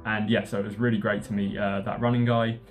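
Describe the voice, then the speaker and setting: A man talking casually about his running training in a relaxed, rambling way with lots of fillers. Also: on the low side, fast, soft background music. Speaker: running vlogger. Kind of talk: casual vlog narration.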